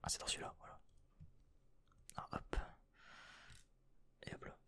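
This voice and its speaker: A young vlogger does an unboxing in his bedroom, whispering breathily into a desk mic. The whisper is bright and forceful, at a measured pace, while his talk stays hesitant and rambling, with a little mild swearing.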